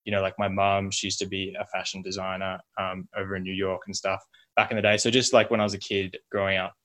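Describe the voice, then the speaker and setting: A man's voice: low-pitched, level tone, fast, fairly bright tone. A man of twenty-one with an Australian accent, chatting casually as an interview guest in an informal, rambling way full of likes and you-knows. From Melbourne, Australia. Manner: informal, rambling, hedging with like, you know, kinda, whatnot. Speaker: podcast guest, logo and brand designer.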